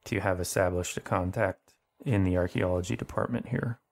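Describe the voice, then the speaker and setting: A man's voice: deep voice, steady tone, moderate pace, vocal fry, a little mellow. A man narrating as game master, rambling and full of fillers.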